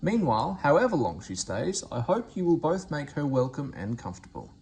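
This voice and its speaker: A brisk, commanding railway boss from a children's storybook, read by a man. He speaks formally with lively, authoritative intonation and a slight gravel, over faint background noise. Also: fairly high pitch, pitched above the performer's own voice. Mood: brisk instructing.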